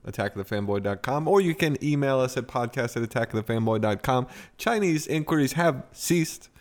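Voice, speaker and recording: A man's voice: mid-range voice, animated, brisk. A man co-hosting a video game podcast, chatting casually with dry, sarcastic jokes. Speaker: podcast co-host.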